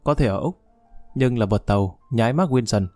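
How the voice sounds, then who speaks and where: A man's voice: medium pitch, normal speed, darkish tone, no echo, faint music behind, close to an everyday voice. A man voicing a knowing young tennis player who speaks frankly and matter-of-factly.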